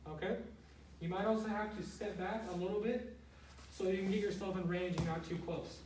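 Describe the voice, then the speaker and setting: A man with a fairly high voice teaches martial arts in a casual, explanatory way, step by step. He is picked up from a distance in a roomy space with some noise. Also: fairly even intonation, brisk, a little mellow. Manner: plain-spoken, explanatory, frequently checking with "okay". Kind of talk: casual step-by-step instructional demonstration. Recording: roomy, noisy, distant microphone.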